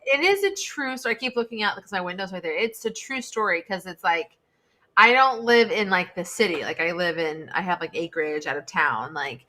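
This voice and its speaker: A woman's voice: fairly low pitch, expressive, a little fast, bright, forceful tone, slight background noise. A woman talking as a guest on a live stream from her home office, rambling with lots of fillers and restarts. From United States. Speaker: guest, social media consultant. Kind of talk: casual live-stream chat. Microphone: USB desk microphone.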